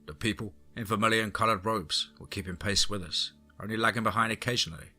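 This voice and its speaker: Male narrator, scripted horror story, suspenseful delivery, lowish voice, very bright tone, quiet music behind. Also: fast. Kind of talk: scripted first-person narration. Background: soft background music.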